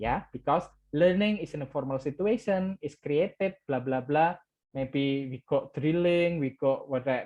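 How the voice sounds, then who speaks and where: Lecturing an English class, this Javanese man mixes English and Indonesian and repeats key words with "ya". His voice is on the high side with a darkish tone, and the audio is poor. He speaks with an Indonesian accent, Javanese being his first language.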